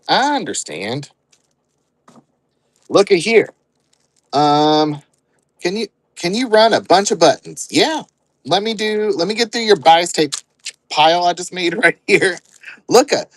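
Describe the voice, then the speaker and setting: A man's voice: on the high side, a bit bright, no room sound, poor audio. A man hosting an online live sale, rambling and joking as he counts out items aloud. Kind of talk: casual live-selling chatter.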